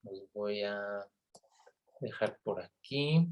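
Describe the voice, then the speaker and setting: A man's voice: on the low side, animated, very slow, darkish tone. A man giving an online university lecture on phonetics, explaining patiently and checking in with frequent tag questions.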